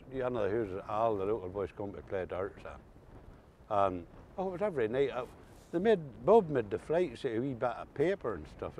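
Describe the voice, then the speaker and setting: Speaking on the low side with a somewhat mellow quality, an older Ulster Scots man looks back on old country living during a casual chat. His storytelling is homespun and full of dialect, and there's a faint hiss or hum.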